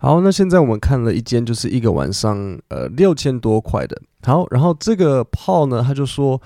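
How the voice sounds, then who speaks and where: A man hosts a relaxed podcast lesson and talks his way through English words, with plenty of fillers. His voice is mellow and warm, in a middle register. The recording is dry and close to the mic. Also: medium pitch, moderate pace, vocal fry, dry recording. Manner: chatty, explains English words in Mandarin with many fillers. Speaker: podcast host and English teacher.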